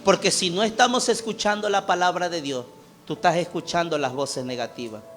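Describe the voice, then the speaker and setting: A man preaching a sermon as pastor in a church, impassioned, swinging from loud calls to hushed appeals. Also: high voice, brisk.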